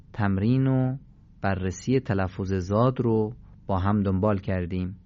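A man's voice: fairly low pitch, a little mellow, muffled recording. Patient male radio recitation teacher. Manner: patient, demonstrates sounds with emphatic repetition. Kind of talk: radio lesson on pronunciation.

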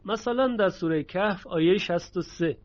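A man's voice: sits high, no echo, muffled recording. Man teaching Quran readings, chanting verses. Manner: explains, then chants verses slowly.

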